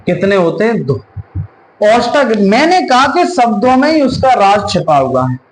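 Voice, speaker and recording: A man with a very high voice runs an exam-prep lesson, asking a question and answering it himself as he drills terms. He stretches vowel sounds out to show them. The room echoes, with a faint hiss behind him. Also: big pitch swings, normal speed. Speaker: teacher.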